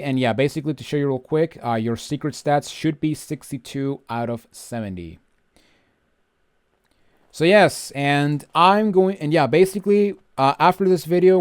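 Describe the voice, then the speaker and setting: A man's voice: fairly high pitch, clean tone, no echo, studio quality. A man hosting a video game walkthrough with casual, rambling, often grumbling commentary.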